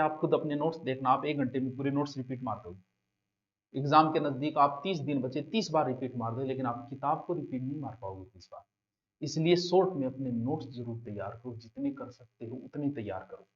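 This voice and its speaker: A male coaching teacher, giving a direct, conversational exam-prep lecture to students. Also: a little high. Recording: dull lo-fi classroom recording.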